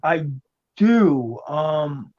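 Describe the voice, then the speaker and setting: A man from the United States, raised in New York and Florida, talking as an interview guest in a relaxed, hesitant way with many ums. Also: a little high, extremely slow, lo-fi sound. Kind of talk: casual interview chat.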